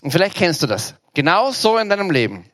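A man's voice: high-pitched, very animated, brisk, fairly bright tone, no room sound, clean studio sound. A middle-aged man with an Austrian German accent preaches a sermon in a playful, joking way and speaks straight to his listeners.

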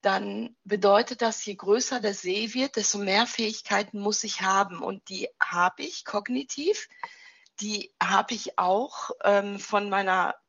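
A middle-aged woman, a grief counselor, calmly explaining with stories about children. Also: mid-range voice, creaky, husky, dry recording, highs cut off. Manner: calm, explains with vivid child anecdotes and images. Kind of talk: interview answers, storytelling with examples.

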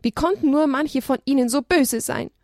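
A woman reading a children's story aloud in a gentle, expressive way. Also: high voice, moderate pace, no echo, clean studio sound.

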